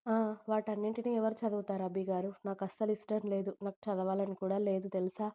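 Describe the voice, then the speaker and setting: A woman's voice: mid-range voice, level tone, fast, mellow, natural voice. A woman voicing a sweet young college girl who pouts and sulks with her boyfriend in a storybook reading. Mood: complaining. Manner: sweet, pouting.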